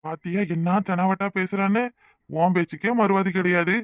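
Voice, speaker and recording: A man's voice: high voice, fairly even intonation, moderate pace, no room sound, clean studio sound, natural voice. A man voicing a preachy, gossiping older village uncle in a cartoon, speaking with a Kanyakumari Tamil accent. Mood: mocking. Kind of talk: cartoon voice acting.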